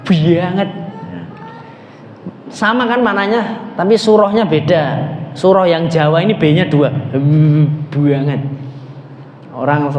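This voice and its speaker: A man teaching a mosque study class, explaining casually and slowing down to recite Quranic phrases. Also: on the high side, darkish tone, a little hiss or hum. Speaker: religious teacher. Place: mosque hall. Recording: echoey hall, faint ambience.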